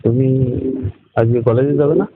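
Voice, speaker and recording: Evasive boyfriend played by a man, defensive, pleading, mid-pitched, phone-line drama with faint hiss. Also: steady tone, moderate pace, lightly acted. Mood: puzzled. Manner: defensive, pleading, repeats questions back. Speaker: boyfriend in staged phone call. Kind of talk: staged phone-call drama.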